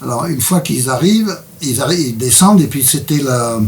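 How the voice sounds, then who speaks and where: A man, a translator, chatting and reading book passages aloud in a lively way. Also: medium pitch, brisk, vocal fry, distant mic, a little hiss or hum.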